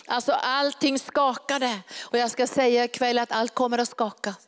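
A woman's voice: fairly high pitch, steady tone, clear, resonant tone. A woman preaching a fervent, emphatic sermon in a church hall. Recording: long reverb of a large hall.

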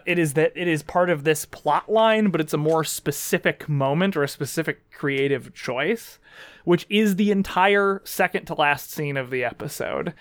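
A man's voice: high voice, dry recording. A man co-hosting a casual podcast, recapping an episode in a sardonic, profane way with lots of fillers.

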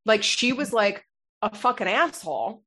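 A woman's voice: fairly high pitch, big pitch swings, moderate pace, sharp tone, husky. A woman in casual conversation, speaking bluntly, swearing freely and agreeing readily. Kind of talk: casual chat.

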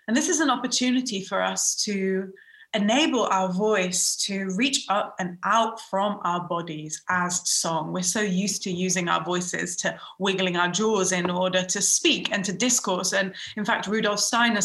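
A woman leading a voice workshop, speaking softly and reverently in a meandering way and moving into wordless chant. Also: medium pitch, echoey room. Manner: soft, reverent, meandering speech. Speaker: voice workshop leader. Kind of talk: spoken guidance with wordless chant.

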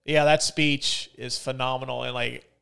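A man's voice: medium pitch, level tone, normal speed, creaky, bright, forceful tone, smooth. A man hosting a podcast, chatting casually in a loose, profane way and often dropping into mock voices. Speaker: podcast host. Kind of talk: casual chat.

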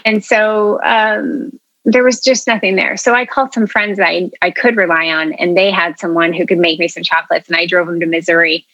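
A woman's voice: lowish voice, fairly even intonation, fairly quick, fairly bright tone, no echo, muffled recording. A woman telling her story as an interview guest, earnest and chatty, with plenty of ums and you-knows. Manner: earnest, chatty, many fillers. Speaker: interview guest, food media founder.

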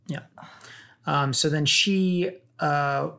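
A woman who was adopted from South Korea, telling a personal story as a guest in casual conversation, earnest and halting with many fillers. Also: low-pitched, creaky, a bit bright.

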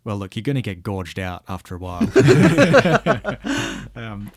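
A man's voice: lowish voice, wildly swooping pitch, unhurried. A man with a broad Australian accent chatting casually and colloquially, giving laid-back travel advice. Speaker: guest recounting an outback road trip.

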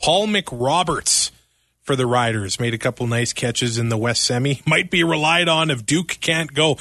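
A man co-hosting a sports podcast, excitable and laughing often, nearly losing his voice. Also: mid-range voice, normal speed, dry recording, studio quality. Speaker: podcast co-host. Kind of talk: casual sports chat.

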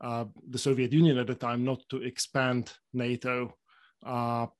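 A man from Slovakia speaks as a guest in a panel discussion, at an ordinary mid pitch. He thinks aloud, often hesitating and repeating words before he gets his point out. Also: little pitch movement, unhurried.

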